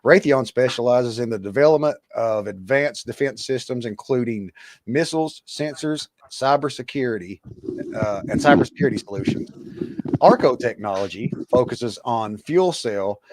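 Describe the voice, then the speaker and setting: A man hosts a podcast in casual conversation, rambling with lots of fillers and restarts. His voice is medium-pitched, animated, and darkish in tone, at a normal speed, with slight background noise.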